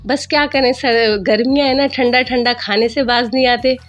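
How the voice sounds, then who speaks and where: A woman's voice: on the high side, fairly even intonation, moderate pace. A woman narrating her cooking vlog in a chatty voice-over, explaining each step to viewers, her throat a little sore. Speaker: cooking vlogger. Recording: dull lo-fi voice-over with soft music.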